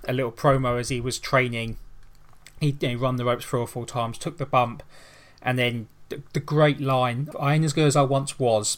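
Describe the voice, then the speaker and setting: A man hosting a podcast, talking casually as he reviews and recaps. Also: medium pitch. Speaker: podcast host.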